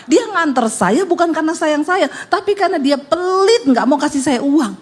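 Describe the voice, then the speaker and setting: A woman's voice: sits high, lively intonation, voice pushed up. A woman preacher voicing a fed-up wife who confides about her stingy husband. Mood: confiding. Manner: confiding, drawn-out. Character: fed-up middle-aged wife telling her story.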